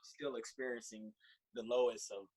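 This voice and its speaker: A man's voice: medium pitch, steady tone, moderate pace, a little mellow, low-quality recording. A man from California, a podcast guest chatting casually in loose, swear-filled storytelling.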